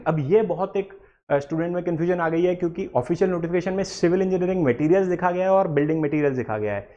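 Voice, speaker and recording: Brisk man lecturing on exam topics. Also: on the high side, darkish tone, lo-fi sound. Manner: mixes Hindi and English technical terms, lists topics briskly. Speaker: exam coaching director.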